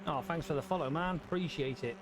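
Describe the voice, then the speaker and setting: A man with a fairly high voice commentates casually on a livestreamed race. He talks in an informal, matey way, like someone chatting with regulars. There is clear engine noise around his mic. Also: quick pace. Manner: informal, matey, mild swearing. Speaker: sim racing livestream commentator. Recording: noisy mic with engine sounds.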